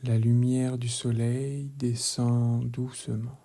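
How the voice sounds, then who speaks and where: A man leading a guided relaxation meditation in a calm, measured voice, soft and hushed, often slipping into a whisper. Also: mid-range voice. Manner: calm, measured, gently instructive.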